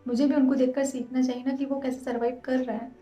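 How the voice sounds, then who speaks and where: A woman in her thirties talking fast and earnestly to her viewers in a casual vlog. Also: high-pitched, little pitch movement, mellow, reverberant, soft background music. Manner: fast, earnest, direct address. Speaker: vlogger.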